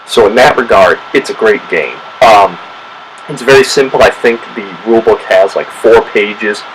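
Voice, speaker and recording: A man hosting a casual board game review, chatty and relaxed, correcting himself as he goes. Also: on the low side, normal speed, a little hiss or hum, low-quality recording.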